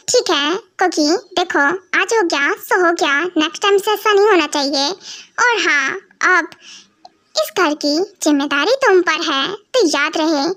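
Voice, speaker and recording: A woman's voice: very high-pitched, bright, forceful tone, heavily acted. A woman voicing a strict, bossy middle-aged mother-in-law in a fan-dubbed audio story, lecturing and scolding.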